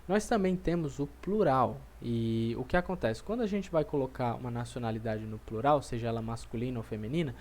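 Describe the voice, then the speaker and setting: A man teaching an online French lesson, lively and drilling words slowly for his students to repeat. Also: medium pitch.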